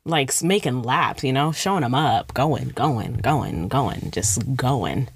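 A young woman with a low voice tells a comic story about herself, rambling into playful tangents and making fun of herself. The recording is dry, with no room sound. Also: expressive, slow, gravelly, husky, no echo. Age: young adult. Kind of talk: comedic storytime monologue.

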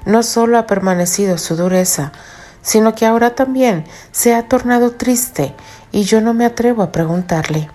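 A woman's voice: a little high, normal speed, mellow. A woman narrating a first-person romance audiobook in an intimate tone that often drops to a whisper.

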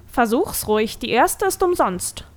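Woman voicing a dwarf dealer, male, scarred, shifty, slow sly wheedling talk, storybook villain. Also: fairly high pitch, sing-song, faint music behind.

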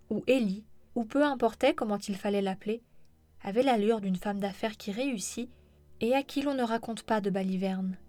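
Woman narrating a story over soft music. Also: mid-range voice. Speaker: audiobook narrator. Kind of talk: scripted narration.

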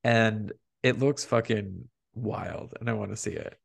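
A man's voice: fairly low pitch, measured pace, gravelly, slightly rough. A man co-hosting a podcast, chatting casually about movie news and box office figures. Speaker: podcast co-host.

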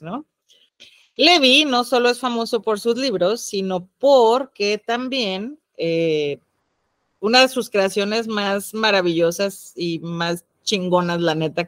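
Recorded in clean studio sound with no echo, this mid-range female voice belongs to a podcast co-host with a Mexican accent. She keeps the occult-themed conversation chatty and playful, dropping in slangy asides.

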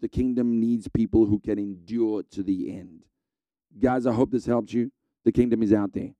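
Earnest preacher with a dark mellow voice. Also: male voice, fairly low pitch, steady tone, normal speed, dry recording. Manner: earnest, exhorting, repeats key phrases. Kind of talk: sermon.

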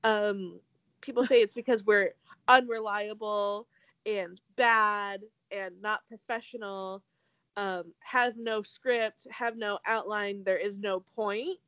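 A woman co-hosting a casual podcast, talking haltingly with stammered restarts and many fillers, with a dry, self-deprecating streak. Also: mid-range voice, steady tone, fairly bright tone, clean tone, dry recording, muffled recording. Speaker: podcast co-host.

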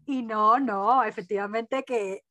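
Animated woman telling her story, high voice. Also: moderate pace, no room sound. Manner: animated, laughs often, acts out her own inner voice. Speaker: guest. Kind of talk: personal storytelling in conversation.

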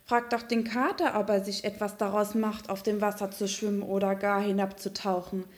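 A woman's voice: mid-range voice, level tone, normal speed, a little mellow, natural voice. A woman voicing a bossy, mocking hen that lectures the duckling. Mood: scolding.

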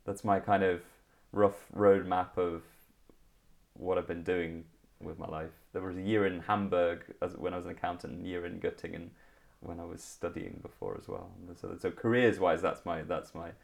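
Speaking at a moderate pace, a male comedian guest in his thirties uses a low, creaky voice with fairly even intonation. He's from Liverpool, England, has the local accent, and chats casually in the interview, often saying um and restarting.

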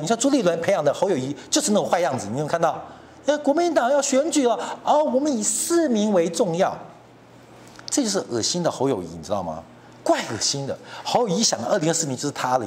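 A man's voice: on the high side, a little mellow. A middle-aged man giving heated, mocking political commentary and often asking his listeners whether they follow him. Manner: mocking, heated, keeps asking "you know?".

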